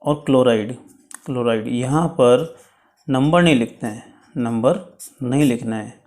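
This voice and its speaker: A man with a mid-range, somewhat dark voice teaches chemistry in a step-by-step lecture. He explains slowly and keeps checking in with his students, asking "ठीक है".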